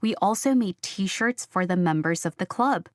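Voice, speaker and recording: A woman speaking as a graphic designer in a scripted textbook interview, explaining her work clearly. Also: lowish voice, expressive, normal speed, no echo, studio quality.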